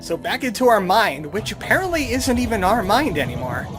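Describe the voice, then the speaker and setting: A man with a high voice, wide pitch swings and a brisk pace gives casual let's play commentary while playing a video game. He sounds snarky and wry, and game music plays under his voice.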